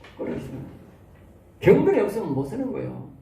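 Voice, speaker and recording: A man's voice: high-pitched, big pitch swings, moderate pace, mellow. A man with a Gyeongsang accent preaching an expository sermon to theology students. He keeps checking in with "eh?" and asks rhetorical questions. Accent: Gyeongsang Korean. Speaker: pastor teaching theology students. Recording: echoey room, mic at a distance.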